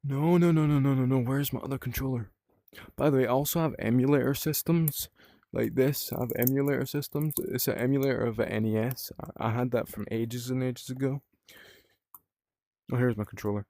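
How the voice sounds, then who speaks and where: A man's voice: medium pitch, fairly even intonation, a little fast, creaky, mellow, no room sound. A young British man from the UK chatting casually in a rambling vlog, swearing freely and using lots of fillers. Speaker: vlogger.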